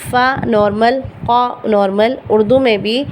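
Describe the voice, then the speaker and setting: The teacher, a woman who grew up speaking Urdu, walks beginners through Arabic letter pronunciation for the Quran and patiently repeats every sound at a slow pace. She has a fairly high pitch and fairly even intonation, though the audio is poor and has slight background noise.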